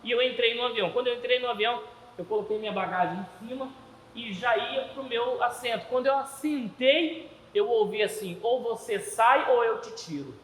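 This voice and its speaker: A Brazilian man preaching a sermon with a Brazilian Portuguese accent, telling stories in an animated way and doing the voices of people he quotes. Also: very high-pitched, moderate pace, reverberant, long reverb tail, a little hiss or hum, low-quality recording. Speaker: pastor.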